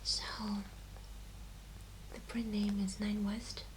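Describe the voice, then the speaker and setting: A woman speaking in a soft, breathy, often whispered voice, doing a whispered role-play as a personal shop assistant with gentle, hesitant phrasing. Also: mid-range voice, little pitch movement, slow pace, rough recording. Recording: clear background noise.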